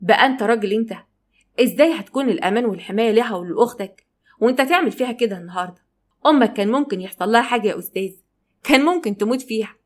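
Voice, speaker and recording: A woman with an Egyptian Arabic accent voicing a stern middle-aged father who scolds and threatens loudly. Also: fairly high pitch, racing, close to an everyday voice. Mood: scolding.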